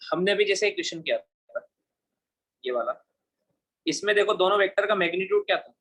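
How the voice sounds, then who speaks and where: A man's voice: high voice, expressive, fairly quick, a bit bright, husky. A male physics teacher lecturing a class, often checking whether the students have understood and mixing English terms into his speech. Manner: keeps checking students follow, asking "understood?".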